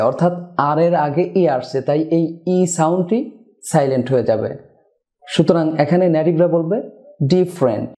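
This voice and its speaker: A man from Bangladesh teaching English pronunciation in Bengali, slowly repeating example words. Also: fairly high pitch, mellow, low-quality recording. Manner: slow, deliberate repetition of example words. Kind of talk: Bengali-language English lesson.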